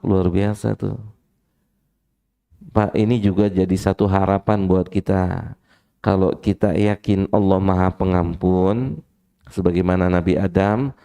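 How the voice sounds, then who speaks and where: In a mosque hall, a preacher with a low, dark, clear and resonant voice leads a study-circle sermon. He keeps it chatty and conversational, repeatedly putting questions to the men in the room.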